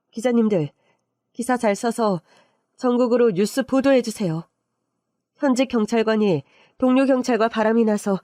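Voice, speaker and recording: A woman's voice: on the high side, dark tone, no room sound, clean studio sound, close to an everyday voice. A woman playing a fierce protective aunt, cutting and scornful. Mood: indignant.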